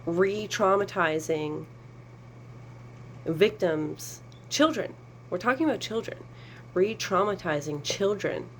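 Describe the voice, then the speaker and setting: A woman's voice: lowish voice, animated, slow pace, pauses often, slight background noise, poor audio. A woman advocate speaking earnestly to camera, explaining a process with emphasis and sarcasm. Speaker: survivor advocate.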